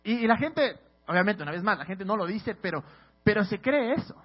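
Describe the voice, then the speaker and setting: A man's voice: high-pitched, expressive, a little fast, breathy edge. A young man, preaching a casual, conversational sermon full of slang and scripture quotes. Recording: dull lo-fi recording.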